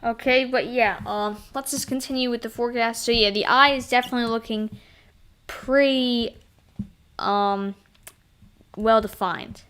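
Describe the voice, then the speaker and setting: A woman's voice: fairly high pitch, fairly even intonation, measured pace, pauses often, a bit bright, clear, resonant tone. A woman hosting a live storm stream, giving weather commentary in a hesitant, self-correcting way. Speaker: host of storm livestream.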